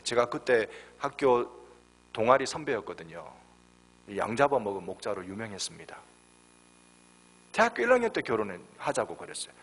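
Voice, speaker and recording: A man in his forties, a guest pastor from Daegu with a Gyeongsang accent, preaching a sermon with lively storytelling and emphatic peaks. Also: medium pitch. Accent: Gyeongsang Korean. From Daegu, South Korea. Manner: animated storytelling, acts out voices, rising to emphatic peaks. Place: church sanctuary. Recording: long hall reverb.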